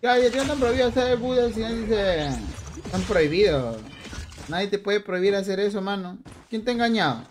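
A man's voice: high voice, steady tone, fast talker, few pauses, slight background noise. A young man chatting casually with viewers while he plays a game, greeting them by name in slang. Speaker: game streamer. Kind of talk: casual live-stream chat while gaming. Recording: loud game gunfire behind voice. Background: gunfire and helicopters from the game.

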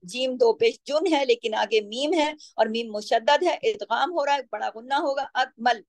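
A woman's voice: sits high, no echo. Patient woman teaching Quran recitation. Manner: patient, explanatory, slows to drawn-out chanted demonstrations of words. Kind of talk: tajweed lesson, explaining and demonstrating recitation.

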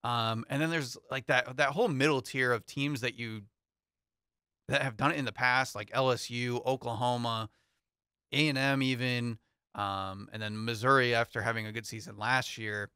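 A man's voice: medium pitch, steady tone, normal speed, bright, forceful tone, clear, resonant tone, no echo, clean studio sound. A young man co-hosting a casual sports talk show, easygoing and hedging his thoughts with fillers. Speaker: co-host.

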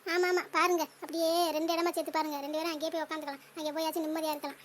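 A woman voicing a nagging middle-aged cartoon mother who grumbles and complains nonstop in a squeaky voice. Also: little pitch movement, slight background noise, close to an everyday voice. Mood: complaining. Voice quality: squeaky, rapid-fire complaining. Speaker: mother-in-law. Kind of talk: cartoon comedy voice acting.

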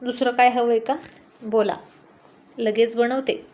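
A woman narrator voices a good-humored housewife who shyly scolds her teasing husband. The tone is soft, mellow and a little high. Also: flat delivery, a little slow, close to an everyday voice. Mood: affectionate. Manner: laughing, scolding gently.

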